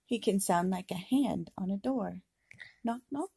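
An older woman, playing grandmother to a young child, reads a picture book aloud, playfully stretching out sound words and coaxing the child to repeat them. Her mid-range voice is expressive, warm and husky with vocal fry, at a measured pace. She's at home indoors beside a patchwork quilt, recorded by a handheld phone or camera held close.

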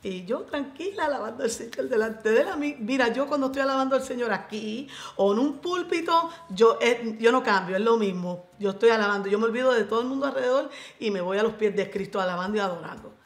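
Radio guest, Puerto Rican woman, bright storyteller, roomy sound, faint music bed. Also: on the high side, quick pace, hardly any pauses. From Puerto Rico. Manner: animated storyteller, acts out quoted voices, mixes in English. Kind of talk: testimony in a radio interview.

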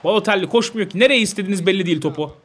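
Young man, high-pitched voice, excitable, coaching his players, gaming commentary. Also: rapid-fire. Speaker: gaming video host. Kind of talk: live football game commentary.

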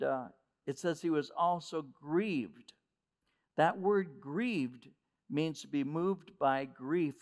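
A male pastor preaching a sermon in a conversational way, with restarts and slow stress on key words. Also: medium pitch, creaky.

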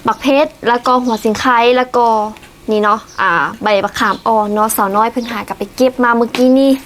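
A woman with a Lao accent and a notably high voice hosts a casual cooking vlog. She chats to her viewers as she works, often teasing her guest. There is a faint hiss under her voice. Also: steady tone, fast. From southern Laos. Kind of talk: casual chat while cooking.

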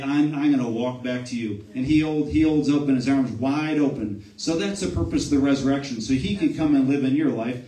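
A man preaching a sermon and calling people forward, often adding "amen" and restarting phrases. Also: medium pitch. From Buffalo, New York area, US. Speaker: pastor. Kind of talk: sermon with altar call. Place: church sanctuary. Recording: echoey church room, distant mic, soft music.

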